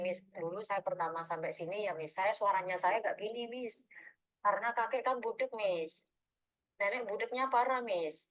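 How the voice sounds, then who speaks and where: A woman's voice: mid-range voice, a bit bright, rough recording. A woman calling for advice who rambles through explanations, deferentially ending nearly every phrase with "Miss". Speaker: caller, domestic worker abroad. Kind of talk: phone call asking for advice.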